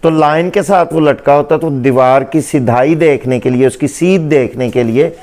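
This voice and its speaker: A male English teacher giving a pronunciation lesson, saying each word slowly and more than once so it can be heard well. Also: fairly high pitch, a little mellow. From Pakistani Punjab. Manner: slow, deliberate repeating of each word. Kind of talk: pronunciation lesson in Hindi-Urdu.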